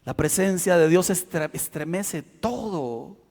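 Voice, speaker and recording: Male pastor, high-pitched, theatrical delivery, church hall reverb. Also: animated, slow. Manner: dramatic, acts out shouts and quotes. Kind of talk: sermon with personal story.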